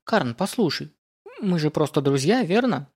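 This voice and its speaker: A male narrator voicing a lively, curious young woman apprentice with a quick, chirpy, teasing manner in an audiobook. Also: on the high side, breathy edge.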